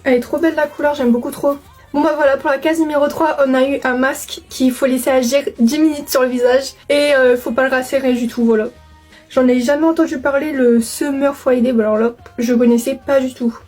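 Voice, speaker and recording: A woman's voice: high voice, steady tone, a little fast, darkish tone, soft background music. A young woman chatting casually as she opens an advent calendar, chatty and gushing with many fillers. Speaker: beauty vlogger. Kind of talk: casual unboxing chat.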